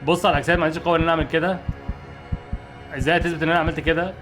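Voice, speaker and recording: A man's voice: a little high, level tone, rapid-fire, music in the background, lightly acted. A man voicing a suspicious, stern man who questions a stranger and threatens him, with an Egyptian Arabic accent.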